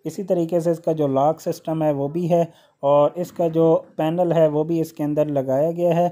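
A man hosting a how-to video, explaining a workshop machine step by step with occasional hesitant "uh" pauses. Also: fairly high pitch, level tone, mellow. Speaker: electrician channel host.

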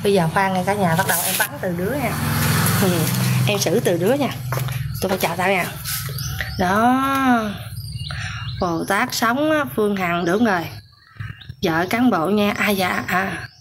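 A woman's voice: medium pitch, a little slow, long pauses, background noise. Combative woman livestreaming. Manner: combative, hammering rhetorical questions. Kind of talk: livestream rant.

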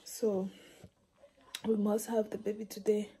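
A woman's voice: mid-range voice, level tone, measured pace, warm tone, rough recording. Chatty woman vlogger talking to viewers. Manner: chatty, addresses viewers directly. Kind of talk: casual vlog update to camera.

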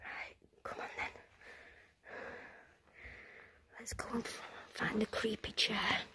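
A woman exploring a derelict brick building indoors films her walk on a handheld phone for a whispered vlog. Her slightly high voice stays steady and slow, hushed and cautious, often dropping to a whisper.

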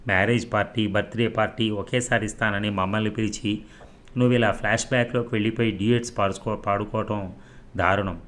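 A man voicing sharp-tongued party woman. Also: fairly low pitch, steady tone, fast, lightly acted. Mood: teasing. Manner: teasing, irritable, tipsy.

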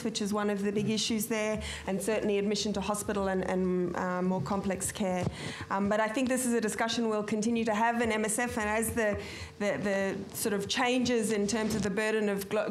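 Woman panelist with a flat, even voice. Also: mid-range voice, a little hiss or hum. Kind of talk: panel discussion answer. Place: conference hall panel table. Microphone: table microphone.

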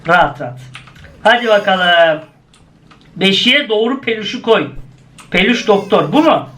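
Bright, high-voiced male gaming YouTuber, excitable and prone to shouted exclamations. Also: a little slow. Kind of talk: gameplay commentary.

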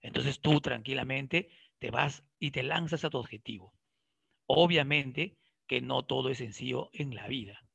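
A man's voice: mid-range voice, measured pace, creaky, a bit bright, slightly rough, no room sound. A man teaching a biology class, questioning his students directly and mixing in jokes. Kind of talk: online class lecture.

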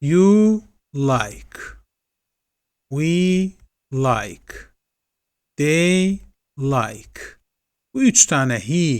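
Turkish-accented man as a patient English tutor, very slow, repetitive drilling delivery. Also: medium pitch. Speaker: English teacher. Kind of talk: slow classroom lesson.

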